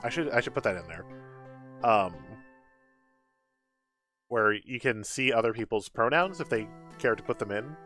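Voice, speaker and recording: A man's voice: medium pitch, animated, moderate pace, long pauses, pushed and bright. A man giving chatty, casual live game commentary with wry asides, switching into reading on-screen text aloud. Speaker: game streamer. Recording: game music behind the voice. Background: video game music.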